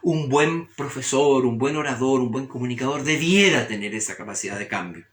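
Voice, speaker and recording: A man with a Chilean accent giving a reflective humanities lecture, expressive, shifting his tone and pace to demonstrate what he means. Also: medium pitch, a little fast. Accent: Chilean Spanish. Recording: roomy echoey recording.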